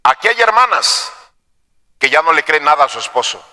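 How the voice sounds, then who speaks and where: A male pastor preaching a sermon, dropping to hushed storytelling and then rising to shouted exhortation, calling his listeners brothers. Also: fairly high pitch, big pitch swings, moderate pace, in a large hall. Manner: addresses the congregation as brothers. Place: church sanctuary.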